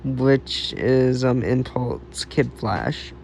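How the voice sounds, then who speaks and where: Man reading a fan story haltingly. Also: medium pitch, animated, gravelly, darkish tone, slight background noise. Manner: halting, frequent restarts and self-corrections. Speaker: fan fiction reader.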